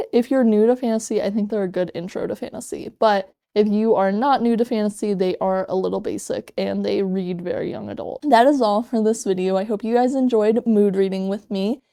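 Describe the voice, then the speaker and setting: A woman in her twenties talks casually to her followers as a book vlogger. Her voice is smooth and warm, sitting at a medium pitch. She speaks conversationally, dropping in small asides as she goes. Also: steady tone, fairly quick, hardly any pauses. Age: 20s. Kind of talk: casual chat to camera.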